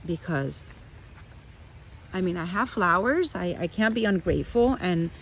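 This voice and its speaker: A woman's voice: lowish voice, lively intonation, a little slow, a little hiss or hum, rough recording. Chatty woman on a garden walk. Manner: chatty, with frequent restarts and asides to viewers. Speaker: orchid grower vlogger. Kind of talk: casual walk-and-talk vlog. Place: outdoor orchid garden on a windy morning.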